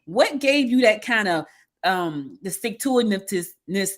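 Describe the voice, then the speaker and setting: A woman hosting a casual interview, telling her own stories in an animated way with frequent restarts. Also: medium pitch, unhurried. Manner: animated storyteller, many restarts. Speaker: interview host.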